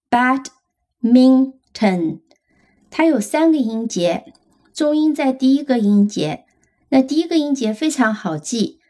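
A woman with a slightly high, mellow voice leads a radio vocabulary lesson. She talks slowly and patiently, spelling English words out one letter at a time as she explains them.

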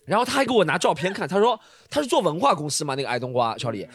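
A man's voice: on the high side, very animated, very fast, a bit bright, husky, no echo. A man hosting a podcast, telling a story in casual chat, acting out the quoted lines and laughing often. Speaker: podcast host.

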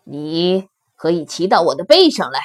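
A woman doing a firm, calm lion. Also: normal speed. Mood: reassuring. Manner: lower, firm and reassuring. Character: calm, steady male lion, leader of animals.

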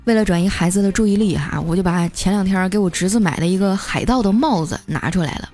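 A woman hosts a comic storytelling podcast in an even, mid-pitched voice. She chuckles often as she tells her funny stories, and music plays clearly behind her. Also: quick pace. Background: background music.

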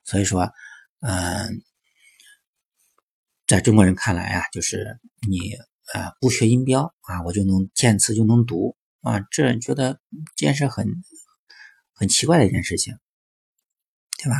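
A man's voice: lowish voice, unhurried, vocal fry, pauses often, darkish tone, husky, no echo, studio quality. A man talking through English pronunciation in a chatty explanatory monologue, dropping in lots of fillers and rhetorical questions. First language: Chinese. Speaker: English teaching commentator.

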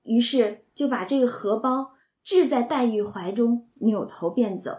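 A literature commentator, a woman, explains and retells a classic novel conversationally, often slipping into the characters' quoted lines and using many filler words. Her voice is a little high and warm, her pace measured, and the sound reverberant.

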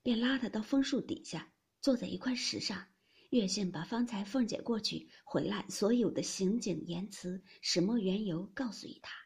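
Breathy woman reading a classic novel. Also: mid-range voice, darkish tone. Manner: measured storytelling, often near a whisper. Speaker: audiobook reader.

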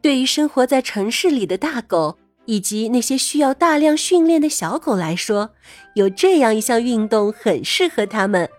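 A woman storyteller reads as if to a toddler. Her voice sits fairly high and swings widely in melody. She explains things simply, speaks straight to the child and draws out her little sentence particles, with music playing behind her. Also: big pitch swings, darkish tone, dry recording. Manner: reading to a toddler, simple words with drawn-out particles and direct address. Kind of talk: scripted educational narration for young children.

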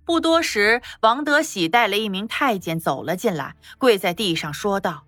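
A woman giving expressive scripted narration for a palace audio drama. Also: mid-range voice, normal speed, no echo.

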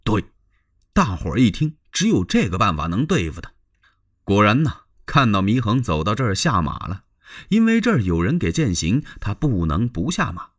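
A man's voice: fairly low pitch, wildly swooping pitch, moderate pace, a bit bright. A man performing a traditional spoken story in a dramatic, conversational way with asides to the listener.

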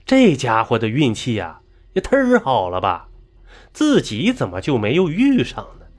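A man voicing a brash young male apprentice who reacts loudly and indignantly. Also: mid-range voice, wildly swooping pitch, normal speed. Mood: envious.

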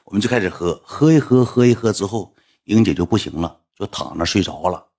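A man with a Northeastern Chinese accent telling a rambling anecdote in a casual, animated way, breaking into mocking high-pitched rants. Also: a little fast, slightly rough. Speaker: storyteller.

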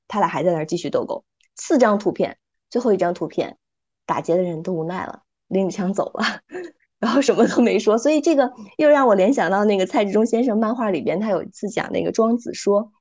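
A middle-aged woman speaking calmly and thoughtfully as a podcast guest, retelling little stories as she reflects. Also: mid-range voice, fast talker, slightly rough. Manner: calm, thoughtful, retells stories with light acting. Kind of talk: reflective casual chat with storytelling.

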